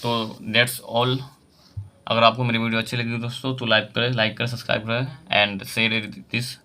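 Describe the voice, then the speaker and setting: A man's voice: medium pitch, little pitch movement, brisk, pushed and bright, clear, resonant tone. A young man teaching an English grammar lesson in Hindi, explaining step by step and asking himself questions over his examples.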